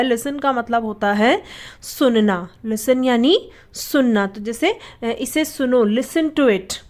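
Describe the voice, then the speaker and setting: A Hindi-speaking woman teaching vocabulary, spelling each word letter by letter and asking questions she then answers herself. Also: fairly high pitch. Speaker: English teacher. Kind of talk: spoken vocabulary lesson.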